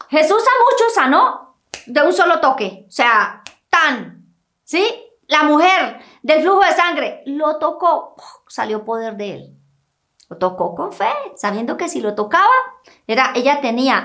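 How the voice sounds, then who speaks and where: A woman preaching a sermon. She tells the story animatedly, often checks in with her listeners, and rises to near-shouts when she quotes people. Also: a little high. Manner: addresses listeners directly with frequent "¿sí?".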